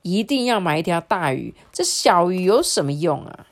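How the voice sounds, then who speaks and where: A woman's voice: lowish voice, sing-song, moderate pace. A woman voicing a stern, suspicious male county clerk in a storybook reading, with a commanding, scolding manner.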